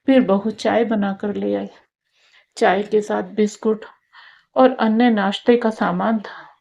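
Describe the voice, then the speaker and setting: A woman narrates a moral story slowly and with feeling, her voice gravelly and fairly high. The recording is dull and lo-fi. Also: fairly even intonation, a little mellow. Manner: slow, emotive storytelling.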